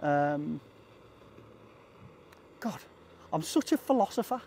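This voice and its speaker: A man chats to camera as he hikes, his voice a little higher than most men's but mellow in tone. He drifts between thoughts and mocks himself along the way. A faint hum of outdoor noise sits behind him. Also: sing-song, slow. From England. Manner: chatty, self-mocking, talks to his dog between thoughts. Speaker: vlogger. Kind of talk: casual vlog chat. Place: outdoors on a hiking trail.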